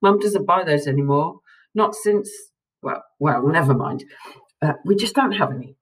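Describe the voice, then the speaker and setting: A woman's voice: deep voice, expressive, normal speed, breathy edge, low-quality recording. A woman voicing a brave young schoolgirl in a storybook reading, earnest and breathless.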